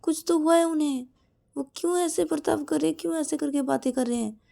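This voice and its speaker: A woman's voice: high-pitched, a little fast, gravelly, dark tone, voice pushed up. A woman voicing Rani, an earnest young woman who agrees with the others. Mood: worried.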